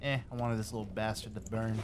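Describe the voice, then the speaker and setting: A man playing a video game and joking casually with friends, excitable and swearing often. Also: lowish voice, quick pace, background noise. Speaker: gamer playing on stream. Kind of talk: casual let's-play banter.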